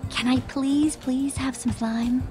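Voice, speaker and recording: An actress playing a plucky, wry young adventurer hero in a video game. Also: female voice, high voice, fairly even intonation, takes it slowly. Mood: pleading. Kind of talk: naturalistic video game acting. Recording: faint game music behind.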